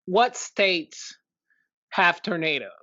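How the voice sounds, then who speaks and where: Male podcast co-host, wry joker, mid-pitched voice, dull and dry mic. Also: expressive, slow, sharp tone, no echo. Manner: wry, joking asides. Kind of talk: casual chat.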